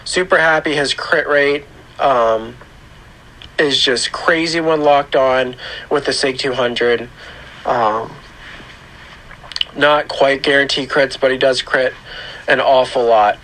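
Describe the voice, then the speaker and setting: A man with a hoarse, grating voice from a sore throat gives casual, unscripted gaming commentary in a halting, matter-of-fact way. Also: medium pitch, fairly bright tone, rough recording. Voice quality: rough, grating. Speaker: gaming channel host. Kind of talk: casual video game account tour commentary.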